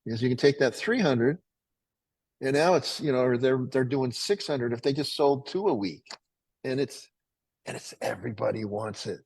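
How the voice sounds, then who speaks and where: A middle-aged man who founded a water filtration company, pitching it to plumbers on a webinar in a folksy, rambling way that keeps correcting itself. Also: normal speed, vocal fry, a little mellow, slightly rough, dry recording, poor audio.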